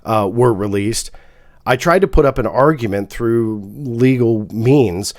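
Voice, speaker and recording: A man's voice: medium pitch, unhurried, no echo, clean studio sound. Man with a stuffy nasal cold voice. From California. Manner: frank, apologetic, frequent fillers. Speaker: host. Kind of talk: casual video commentary.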